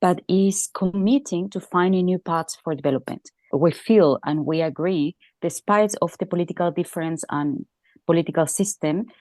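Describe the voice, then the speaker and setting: A woman journalist from Chile giving measured panel commentary over a remote line, pausing to search for words. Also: fairly low pitch, a little mellow, no room sound.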